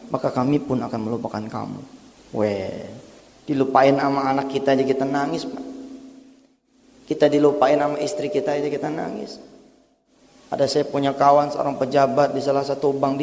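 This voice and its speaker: A man preaching a sermon, switching between lively talk and melodic chanted recitation of verses. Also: medium pitch. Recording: long hall reverb.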